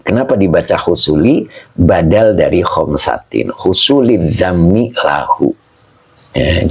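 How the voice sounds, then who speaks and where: Male religious teacher, gravelly low voice, slow and patient. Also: darkish tone, poor audio. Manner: slow, explaining Arabic grammar, greeting viewers by name. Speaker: Islamic teacher. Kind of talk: live-streamed kitab study lesson.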